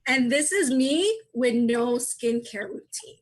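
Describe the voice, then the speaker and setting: Husky lady in her 30s doing standup on a video call, kinda high voice, chatty and joking about herself. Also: animated, slow, poor audio. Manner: chatty, self-deprecating storytelling. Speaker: stand-up comedian.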